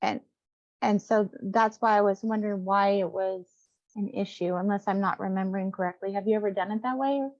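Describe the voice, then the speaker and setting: A woman's voice: medium pitch, steady tone, a little fast. Woman speaking over a group video call. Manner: hesitant, explaining step by step with frequent fillers. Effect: heard over a group video call. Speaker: library acquisitions staff member. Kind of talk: work meeting discussion. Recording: dull lo-fi video call audio.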